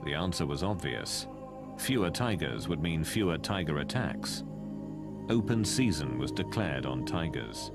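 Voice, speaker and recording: A man narrates a nature documentary in a low voice. His scripted delivery is dramatic and measured, with lively movement in pitch over a music bed.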